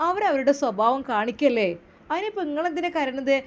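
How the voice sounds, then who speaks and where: A woman's voice: sits high, lively intonation, fairly quick, pitched above the performer's own voice. A woman voicing a grown daughter who soothes and reasons with her mother. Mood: soothing.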